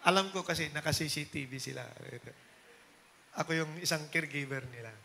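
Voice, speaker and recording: Male pastor from the philippines, middle-aged, high voice, keeps asking di ba and amen ba. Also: a little fast, vocal fry, sharp tone, slight background noise. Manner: mixes Tagalog and English, keeps asking the congregation "di ba?" and "amen ba?". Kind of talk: Sunday sermon.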